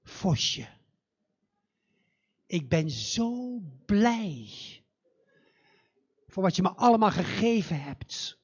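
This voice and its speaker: A man voicing a young prince who speaks softly and earnestly in a fairy tale. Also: sits high, very animated, drawn-out words, long pauses, husky, big-room sound, lo-fi sound, full character voice. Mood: grateful.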